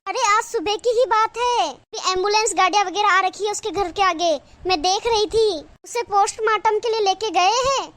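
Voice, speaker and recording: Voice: very high voice, normal speed, hardly any pauses, a bit bright, dry recording. Someone voicing a breathless gossiping neighbor woman. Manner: breathless, meddlesome, dramatic gossip. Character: gossiping busybody neighbor woman, middle-aged. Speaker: cartoon character. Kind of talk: cartoon voice acting.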